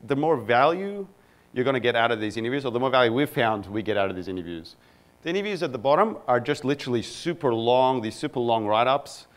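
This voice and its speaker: A man from Egypt, a product manager, giving a casual conference talk to a live audience, with many fillers and self-deprecating asides. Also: mid-range voice.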